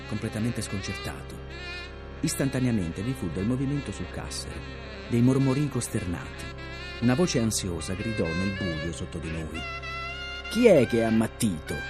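A man reading a novel aloud as an audiobook narrator, with an expressive, theatrical delivery. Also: on the low side. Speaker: audiobook reader. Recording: narration over clear background music.

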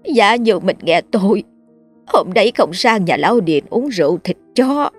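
Brief: woman doing wailing young wife, high lament. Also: animated, normal speed, slightly rough, soft background music.

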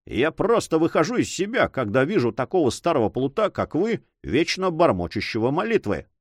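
A man voicing a rough, hot-tempered sea captain who talks bluntly and mockingly. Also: a little high, very animated, a little fast, no echo, clean studio sound, pitched above the performer's own voice. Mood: angry.

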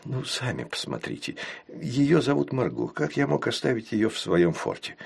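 A man's voice: mid-range voice, sing-song, normal speed, vocal fry, slightly rough, full character voice. A man voicing a sly, fussy older man with a sneering, nervous manner in an audiobook. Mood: agitated.

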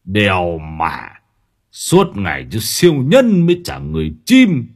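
A man voicing a gruff old village grandfather who grumbles and scolds. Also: lowish voice, wildly swooping pitch, unhurried, full character voice. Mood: grumbling.

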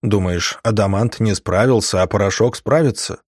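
A man reading the lines of a cautious, wry male mage in an audiobook, in a measured voice close to his own. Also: on the low side, darkish tone, husky, dry recording.

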